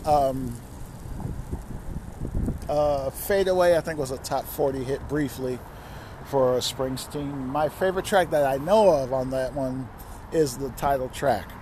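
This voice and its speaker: A man's voice: medium pitch, measured pace, long pauses, noisy background. A man hosting a music top ten countdown in a casual, rambling way, with frequent asides. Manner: chatty, rambling, self-interrupting asides. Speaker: music countdown show host.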